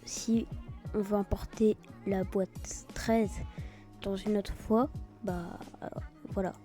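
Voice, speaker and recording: A woman with a very dark, soft-edged voice talks through a software tutorial. Her French accent takes on an English tinge on some words. She explains casually and hesitantly, improvising as she goes, over faint music. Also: mid-range voice, fairly even intonation, slow pace. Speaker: tutorial video host.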